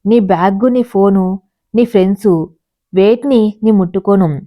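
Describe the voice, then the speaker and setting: A woman voicing a grieving stepmother who speaks quietly, holding back her hurt, in a storybook reading. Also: mid-range voice, measured pace, muffled recording, lightly acted.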